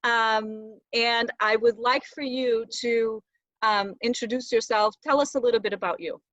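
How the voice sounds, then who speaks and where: Woman host, fairly high voice, dry sound. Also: steady tone, unhurried, fairly bright tone, no room sound, muffled recording. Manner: hesitant, frequent fillers. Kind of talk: casual video interview hosting.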